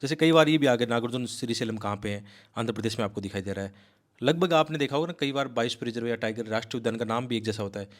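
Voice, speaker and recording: A man giving a rapid, emphatic exam-prep lecture, coaxing his students and mixing in English words. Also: mid-range voice. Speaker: civil service exam coaching teacher. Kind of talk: fast explanatory lecture.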